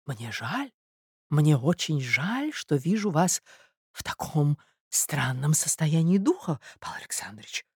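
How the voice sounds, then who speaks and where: A woman reading aloud and voicing a scheming society lady who speaks in a painfully soft, reproachful voice. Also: low voice, big pitch swings, a little slow, breathy edge, no room sound, studio quality, heavily acted. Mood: softly sly.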